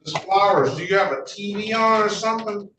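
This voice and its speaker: A traffic court judge with a high, slightly bright voice is heard in a noisy, echoing courtroom through a far-off microphone. He talks in a halting way, repeats himself, and adds homespun asides.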